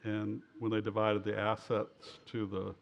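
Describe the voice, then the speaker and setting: Low, creaky-voiced man giving an informal talk. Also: completely flat delivery, muffled recording, slight background noise. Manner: halting, rambling delivery. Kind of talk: informal slide lecture.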